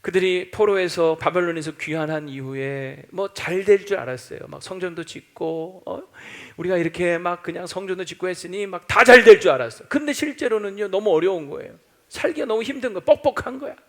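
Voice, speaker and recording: A man's voice: sits high, a little fast. A male pastor preaching a sermon, acting out doubting voices and quoting scripture as he goes.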